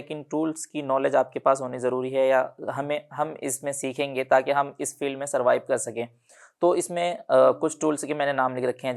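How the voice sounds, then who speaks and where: A man explaining a casual online tutorial, unhurried, often pausing with "uh" and correcting himself as he reads from his notes. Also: medium pitch, vocal fry. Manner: unhurried, many "uh" fillers and self-corrections while reading from notes. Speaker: online digital marketing instructor.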